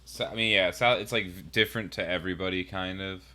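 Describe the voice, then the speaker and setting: A man's voice: low voice, fairly even intonation, fast talker, pushed and bright. A young American man in casual podcast chat, rambling and swearing freely as he tells stories. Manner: loose, profane, rambling storyteller. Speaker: podcast co-host.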